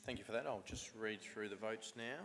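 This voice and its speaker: Low male returning officer, measured and apologetic, council chamber, faint hiss. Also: a bit bright. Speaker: returning officer counting votes. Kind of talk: formal council meeting procedure.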